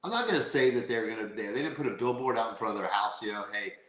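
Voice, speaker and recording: A man's voice: on the low side, expressive, fast talker, fairly bright tone. A man speaking as a guest in a casual interview, rambling with restarts. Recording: roomy echo.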